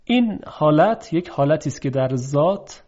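A man teaching a recorded lesson on Quran recitation, explaining each point in a measured way and slowing down to demonstrate sounds. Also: a little high, expressive, darkish tone, dull audio.

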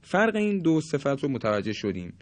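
Man, teacher, deliberate explanatory lesson, polite formal tone, demonstrates sounds aloud. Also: medium pitch, very animated. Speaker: Quran recitation teacher. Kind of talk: explanatory lesson on letter articulation.

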